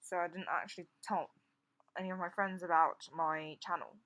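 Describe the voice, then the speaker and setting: A Singaporean woman in her twenties, whose Singaporean English accent has softened over years in the UK, records an impromptu vlog while recovering from jaw surgery. Her voice is on the low side, with fairly even intonation and normal speed, and she restarts and stammers often.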